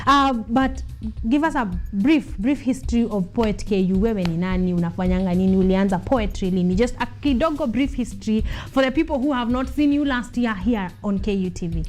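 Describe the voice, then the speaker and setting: A woman's voice: a little high, expressive, brisk, darkish tone, faint music behind. A woman hosting a studio interview, upbeat and chatty, switching freely between English and Swahili. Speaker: show host. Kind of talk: casual interview chat.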